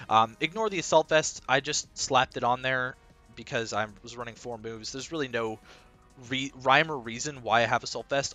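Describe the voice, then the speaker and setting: A man's voice: mid-range voice, sharp tone. A man talking casually as a team coach, explaining his strategy in a rambling way full of ums and uhs.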